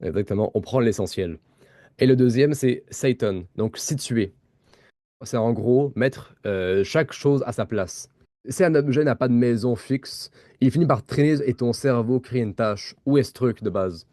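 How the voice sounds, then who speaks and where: A podcast co-host from Quebec, with a Québécois French accent, explains ideas in casual chat, with frequent fillers and restarted words. His medium-pitched voice is warm and unhurried, in a dry, studio-quality recording.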